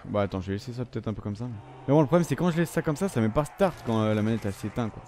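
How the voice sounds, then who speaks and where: Recording his own gameplay, an ordinary-sounding man gives loose, unscripted commentary in a mid-range voice at a racing pace, with slight background noise. He swears freely and bursts into frustrated rants at the game, then reins himself in and talks himself back to calm as he reacts live.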